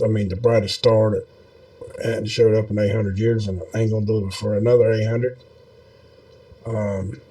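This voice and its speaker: A man's voice: fairly low pitch, dark tone. A man giving casual, rambling video commentary in a folksy, meandering way, with many fillers. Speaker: video host.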